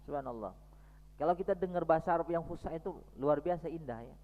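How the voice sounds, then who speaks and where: A man teaches at a mosque study session, lively as he reads passages aloud and then explains them. His voice sits fairly high. The hall gives it a long, ringing reverb, and the recording sounds dull and lo-fi. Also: fast. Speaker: preacher.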